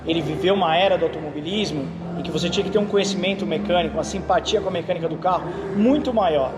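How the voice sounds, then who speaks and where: This high-pitched Brazilian man talks very fast. He's a racing driver and instructor spinning stories in a casual interview, lively and animated, regularly checking in with "entendeu?"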